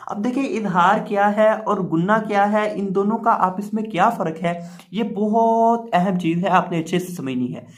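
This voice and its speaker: A man with a high, light voice gives a tajweed lesson as a Quran teacher. He explains each rule patiently, one step at a time, and repeats his examples. Now and then he drops into slow, chanted recitation to show how it should sound.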